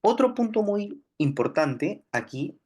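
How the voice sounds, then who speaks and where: A man's voice: sits high, sing-song, slow pace, darkish tone. Patient Peruvian man teaching grammar. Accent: Peruvian Spanish. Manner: patient, repeats examples, many "eh" fillers and tag "¿no?". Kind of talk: grammar lesson explaining on screen.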